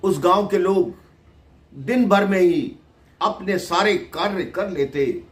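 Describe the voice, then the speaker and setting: A male devotional storyteller narrating a moral tale. He speaks slowly and deliberately, leaving pauses between short phrases, in a voice a little higher than most men's. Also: echoey room.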